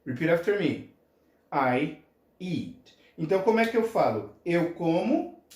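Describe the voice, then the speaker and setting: Male teacher, high and lively voice, slow drill-style delivery, echoey classroom. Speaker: English teacher. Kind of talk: classroom lesson. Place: classroom with a board. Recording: echoey room.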